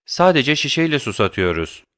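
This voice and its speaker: A man's voice: mid-range voice, sing-song, moderate pace, a bit bright, dry recording, studio quality, pitched above the performer's own voice. A man voicing a sly, mock-courteous bandit guard in an audiobook. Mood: mock-polite. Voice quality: mock-polite, falsely eager.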